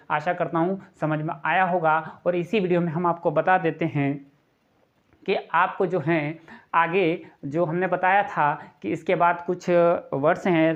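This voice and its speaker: A man teaching an English grammar lesson, repeating key words and spelling out letters slowly. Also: a little high. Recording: dull lo-fi recording.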